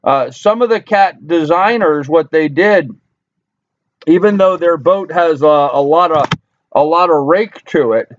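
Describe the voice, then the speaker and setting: This Long Island, New York vlogger is a middle-aged American man with a higher-pitched, unhurried voice and no echo, giving a casual talk-through commentary. He is in a small, cluttered indoor room with a wooden ceiling. The dull sound comes from a computer webcam microphone at desk distance.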